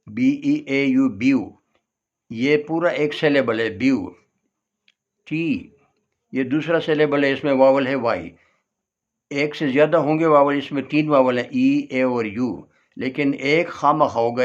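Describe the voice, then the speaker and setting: Male tutor, unhurried, spells words out, dull lo-fi recording. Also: mid-range voice. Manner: slow, spells words out letter by letter; switches between English and Urdu explanations. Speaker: English tutor. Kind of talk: classroom lesson.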